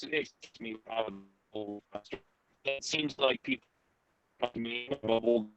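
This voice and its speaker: A man talking from a car over a cell phone call that keeps breaking up, in casual chat, halting and repeating his words. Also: on the low side, fairly bright tone, no room sound. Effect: choppy cell phone call breaking up. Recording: dull lo-fi cell line, dry.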